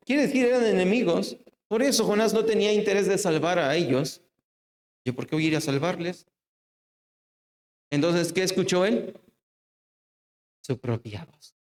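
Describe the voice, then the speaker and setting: A Mexican Spanish preacher with a high-pitched voice, asking the congregation rhetorical questions and sinking to a soft, low tone for weight. He is heard in an echoey church hall. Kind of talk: evangelical sermon.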